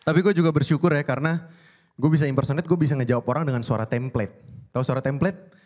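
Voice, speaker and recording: Quick and fairly high-pitched, the young man rattles through his stand-up set for a live audience. He stays animated, breaking into impersonations of odd voices.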